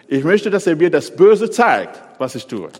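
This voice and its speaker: A man preaching a sermon, pressing hard on key words, then dropping to a quiet voice. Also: fairly high pitch, big pitch swings, a little slow, husky, big-room sound. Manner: emphatic, swings between loud stresses and quiet drops.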